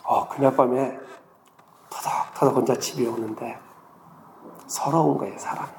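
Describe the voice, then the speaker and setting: A middle-aged man pastor telling a story in a sermon, shifting between hushed and loud delivery. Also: medium pitch, fairly even intonation, normal speed, echoey room, in a large hall, background noise. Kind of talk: sermon testimony.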